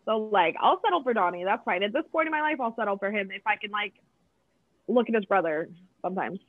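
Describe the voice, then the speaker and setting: A woman's voice: mid-range voice, animated, fast talker, no echo. Over a dry, tinny line that sounds like a phone call, a woman in her forties banters in a crude, profane, self-mocking way. Her voice sits at a middling height, and the audio is dry with little room sound. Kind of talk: casual chat.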